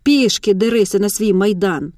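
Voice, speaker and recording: A woman's voice: mid-range voice, normal speed, darkish tone, no echo, clean studio sound, close to an everyday voice. A woman reading as a crude mocking male guard. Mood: menacing. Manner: rude, mocking.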